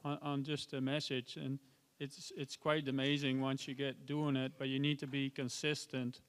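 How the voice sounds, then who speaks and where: A man, a farmer in the audience, sharing his experience in a plain-spoken, slightly halting way. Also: mid-range voice, flat delivery. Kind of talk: audience comment. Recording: long reverb of a lecture hall.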